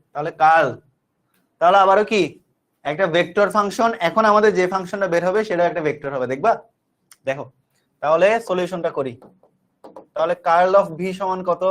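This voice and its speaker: A man teaching an online physics class, repeating each definition and checking whether students follow. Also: high-pitched. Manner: talks to students directly and warmly checks understanding.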